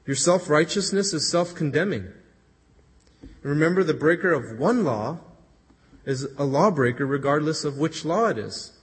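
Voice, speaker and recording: A man's voice: fairly high pitch, animated, normal speed, breathy edge. A man preaching a sermon, retelling a story in an earnest, conversational way and quoting the people in it. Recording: long hall reverb.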